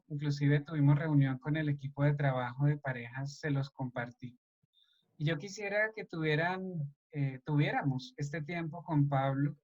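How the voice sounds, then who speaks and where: A man leading a church couples meeting, speaking earnestly and devotionally and addressing the listeners directly. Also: fairly high pitch. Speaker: church couples ministry leader. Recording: dull lo-fi online meeting audio.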